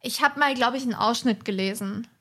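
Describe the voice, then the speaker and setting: A woman podcast co-host reading a story aloud in a lively way. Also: on the high side, brisk. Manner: lively reading, breaks into laughter.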